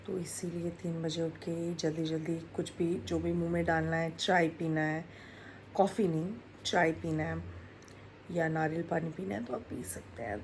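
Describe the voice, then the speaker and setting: A young woman from Bihar, India, vlogs casually to camera, chatty and full of fillers, mixing English into her Hindi while nursing a sore throat. Her voice sits on the low side and is a little mellow, in a low-quality recording with slight background noise.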